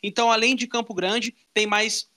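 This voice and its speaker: A man's voice: high voice, steady tone, moderate pace, pushed and bright. A young man with a Brazilian Portuguese accent giving a live news report from a small studio into a handheld microphone, conversational and informative. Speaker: radio reporter. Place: small radio studio with meeting table.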